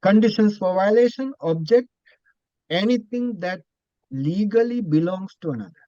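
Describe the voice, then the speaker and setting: A man, a Buddhist monk teacher, telling a story in a dharma talk, speaking slowly and deliberately and repeating phrases. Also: high-pitched, expressive, mellow, no room sound, highs cut off.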